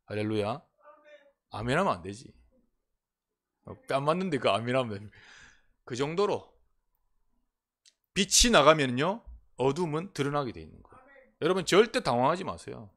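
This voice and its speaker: A Korean man preaching a sermon as a pastor in a church, swinging between emphatic proclamations and quiet, intimate asides. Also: mid-range voice, lively intonation, moderate pace, long pauses. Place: church sanctuary.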